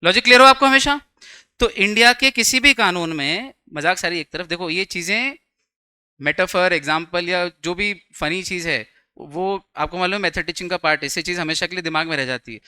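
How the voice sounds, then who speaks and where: A man's voice: high voice, bright, forceful tone, clean tone, no echo. A young man teaching a law class, chatty and teasing, quizzing his students with jokes.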